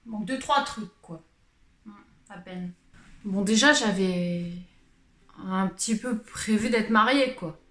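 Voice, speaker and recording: A woman in her late twenties, Swiss-born to a Portuguese family, chats casually to camera as a vlogger and channel host. Her medium-pitched voice is slow and slightly bright, her talk colloquial, confessional and self-deprecating, meandering with sighs and little laughs. The room echoes and music plays underneath.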